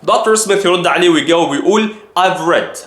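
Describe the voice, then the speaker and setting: A man with an Egyptian Arabic accent teaching an English lesson, repeating phrases slowly and carefully. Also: sits high, a bit bright, reverberant. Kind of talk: language lesson.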